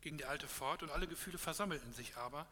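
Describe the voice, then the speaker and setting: An earnest man preaching and telling a parable, with small hesitations along the way. His voice is bright and clear-toned. The recording has a long hall reverb and a faint hum. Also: a little high, quick pace. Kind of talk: sermon closing with a read parable.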